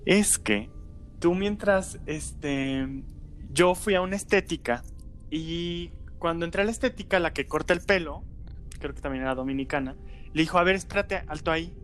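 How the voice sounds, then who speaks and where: A man's voice: on the high side, moderate pace, slight background noise. A man with a Mexican accent tells a personal story in casual speech, packed with slang and fillers like "este" and "¿no?". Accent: Mexican Spanish. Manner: animated, colloquial, filler-heavy with frequent "este" and "¿no?". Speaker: storyteller guest.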